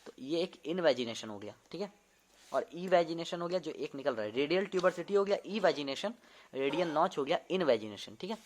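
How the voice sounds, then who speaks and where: A man's voice: on the high side, lively intonation, a little fast. A young man, a medical student, casually teaching an anatomy lesson, demonstrating movements and often repeating terms to check understanding. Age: young adult.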